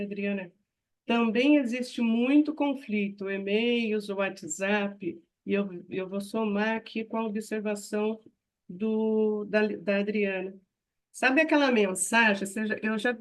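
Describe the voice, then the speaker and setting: A woman hosting a conversational podcast, who reads out viewer comments and adds her own lively remarks. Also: mid-range voice. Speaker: podcast host. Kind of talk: conversational interview.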